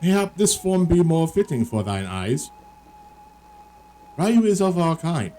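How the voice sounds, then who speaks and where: A man voicing an ancient, solemn dragon from a video game in a dragon voice, with slow, archaic pronouncements. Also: a little high, sing-song, warm tone, soft background music, pitched above the performer's own voice. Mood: grave, stately. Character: ancient solemn male dragon, grand and godlike. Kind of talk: reading video game dialogue in character.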